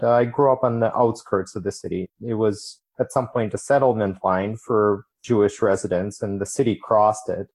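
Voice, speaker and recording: A man from Ukraine who moved to the United States as a young adult, answering interview questions in a measured, explanatory way. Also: on the low side, darkish tone. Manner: measured, explanatory, with occasional restarts. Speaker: interview guest.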